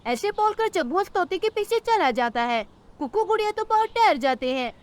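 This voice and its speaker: A woman narrating a children's cartoon story with steady, scripted storytelling. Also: extremely high pitch, normal speed.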